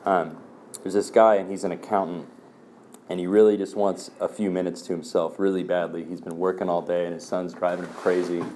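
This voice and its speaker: Low-voiced man telling stories casually. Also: little pitch movement, brisk, a little mellow, a little hiss or hum. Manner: loose storyteller, fillers like "man" and "um". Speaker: speaker sharing at a recovery meeting. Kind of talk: casual personal talk.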